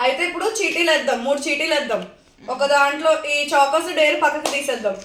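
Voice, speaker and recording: A woman's voice: high-pitched, fast talker, a bit bright. A woman hosting a playful family game vlog, chatty and teasing, counting aloud in a home. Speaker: vlog host. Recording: echoey room with faint noise.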